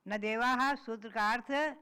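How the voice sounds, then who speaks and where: A woman's voice: fairly high pitch, measured pace, pushed and bright, clean tone. A woman, a Jain nun, giving a patient religious discourse, reciting verses and then explaining them.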